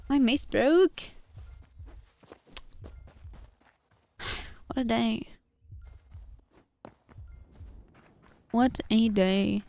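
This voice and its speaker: A woman streaming a game, speaking in a stiff, formal put-on character accent while greeting raiders and chatting. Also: a little high. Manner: greets raiders and chat warmly. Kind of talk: live gaming stream chat.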